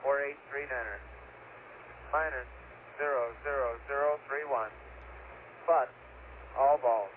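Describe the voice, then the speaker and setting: A man's voice: medium pitch, fairly even intonation, takes it slowly, pauses often. Give me a man on a radio link, an astronaut reading back figures in a clipped, procedural way. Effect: heard over a radio link. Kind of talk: radio air-to-ground exchange. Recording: tinny radio transmission with faint noise.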